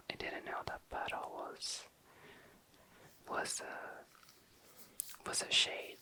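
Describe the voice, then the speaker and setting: In a low-quality recording, an ASMR creator speaks close to the microphone in a soft, breathy whisper without voicing. They linger over words in the style of a relaxed show-and-tell.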